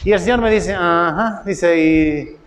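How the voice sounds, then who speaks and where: A middle-aged man with a Mexican accent preaching a sermon, telling folksy personal stories and voicing quotes with lively tag questions. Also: measured pace, a little hiss or hum. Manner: folksy storytelling, voices quotes with rising pitch, tag questions. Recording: roomy hall with faint ambience.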